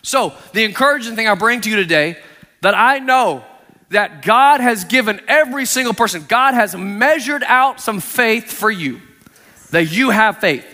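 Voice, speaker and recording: High-voiced male preacher in a reverberant hall. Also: lively intonation, moderate pace, bright, forceful tone. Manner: earnest, conversational preaching with scripture quotes. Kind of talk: sermon. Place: church sanctuary. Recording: long reverb of a church hall.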